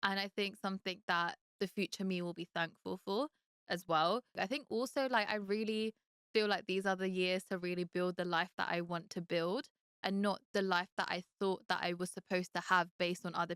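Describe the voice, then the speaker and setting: A woman's voice: on the low side, fairly even intonation, moderate pace, fairly bright tone, clear, resonant tone, no room sound, clean studio sound. A woman in her late twenties hosting a solo podcast, talking candidly and reflectively in a chatty way, with lots of filler words. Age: late 20s. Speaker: podcast host.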